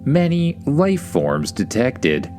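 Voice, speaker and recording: A man voicing a calm, matter-of-fact spaceship computer reporting findings in a bedtime story. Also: medium pitch, takes it slowly, faint music behind, pitched above the performer's own voice. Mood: calm, informative.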